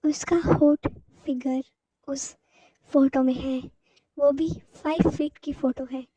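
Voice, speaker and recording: A woman's voice: sits high, fairly even intonation, takes it slowly, mellow, no room sound, dull audio. A woman doing an obsessive, possessive male teacher. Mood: scheming. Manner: possessive, brooding.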